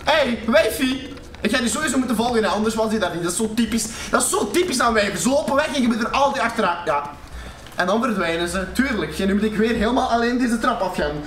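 A Flemish-accented man gives horror game let's-play commentary, loud, swearing and jumpy. His voice sits very high and reaches a distant mic in an echoey room, with clear noise underneath. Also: lively intonation, fast talker. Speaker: gaming YouTuber. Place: room at home, wearing a VR headset.

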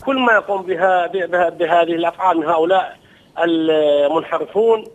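A man's voice: fairly high pitch, fairly quick, highs cut off. A man, a religious scholar, answering an interviewer in a fluent, preaching manner. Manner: fluent, quoting and retelling stories with emphasis.

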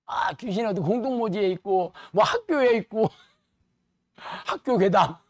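A male pastor delivers a lively, colloquial sermon, peppered with rhetorical questions. His voice sits at a middle pitch. The recording is dry and close. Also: moderate pace, no room sound. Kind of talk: sermon lecture.

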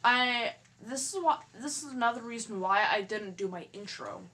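A woman's voice: a little high, lively intonation, normal speed, bright, forceful tone. A woman gaming YouTuber talking casually to her viewers while playing, hesitant and stuttering, often restarting her sentences. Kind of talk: casual vlog talk while playing a game.

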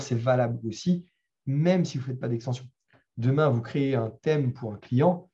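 A middle-aged man with a French accent speaks at a developer meetup, giving a conversational live talk with a screen demo and plenty of fillers and restarts. His voice is medium-pitched and mellow, and the audio is dull.

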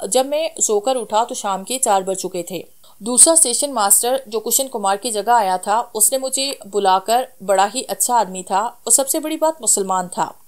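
A woman storyteller reads a horror tale aloud at a steady, measured pace. Her voice sits somewhat high for a woman.

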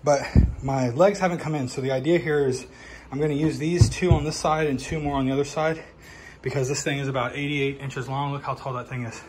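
A man at mid pitch walks through the loft he is turning into a studio, talking loosely and rambling with plenty of uhs. A faint hiss sits under his voice. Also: fairly even intonation, fairly quick. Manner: loose, rambling, lots of fillers. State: out of breath. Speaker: channel host. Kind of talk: casual vlog update. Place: home loft room being set up as studio.

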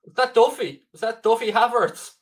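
A man's voice: extremely high pitch, normal speed. A middle-aged man with an Irish accent, chatting casually as co-host of a live football watch-along. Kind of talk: casual live match chat.

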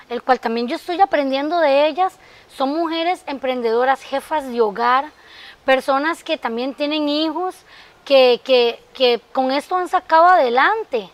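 A woman's voice: high voice, no room sound. A woman who teaches a sewing workshop, a guest on a TV interview, talking in a heartfelt, emphatic way about her students. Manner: heartfelt, emphatic, addresses the host by name. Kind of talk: interview answers.

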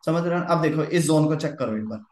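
A man's voice: on the high side, fast, a little mellow, roomy sound. A man teaching trading charts in a casual lesson, repeating himself and often checking that his listener follows. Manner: repetitive, coaxing, keeps checking understanding.

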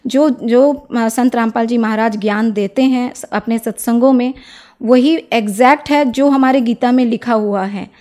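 A young woman from Odisha, giving an earnest, persuasive testimony as an interview guest and often pausing on filler sounds. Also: on the high side, dark tone. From Odisha, India. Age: young adult.

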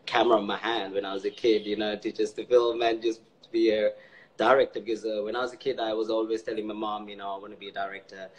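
A man's voice: on the low side, little pitch movement, fast, poor audio. A young man from Sri Lanka, a guest on a video call, talking casually and hesitantly, with lots of fillers and false starts. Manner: hesitant, many fillers and restarts, laughs easily. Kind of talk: casual interview chat. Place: indoors, dark room, video call. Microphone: video call mic.

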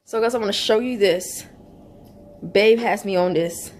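A woman's voice: medium pitch, moderate pace, a little mellow, a little hiss or hum. A chatty woman, talking casually to viewers in a home vlog. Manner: chatty, repeats you guys. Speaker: vlog host. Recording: faint music behind.

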